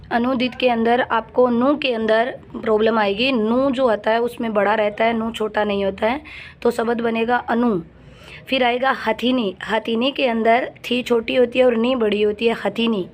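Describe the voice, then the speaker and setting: A woman's voice: fairly high pitch, steady tone, moderate pace. A woman teaching a Hindi spelling lesson for exam preparation, repeating each word and telling students to memorize it. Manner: drills words by repeating them, urging students to memorize.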